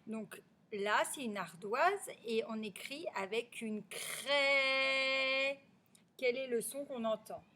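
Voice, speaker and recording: A woman's voice: a little high, expressive, a bit bright. A woman teaching a phonics review to young children. She stretches out the words and drops to a near whisper on the answers. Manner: slow, stretched-out sounding of syllables.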